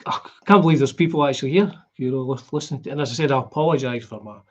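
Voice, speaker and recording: A middle-aged man with a broad Scottish accent and a husky voice, chatting casually and in a rambling, conversational way as he hosts a live stream. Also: mid-range voice, very fast, dull audio. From Scotland. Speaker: guitar vlogger hosting a live stream. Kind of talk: casual chat.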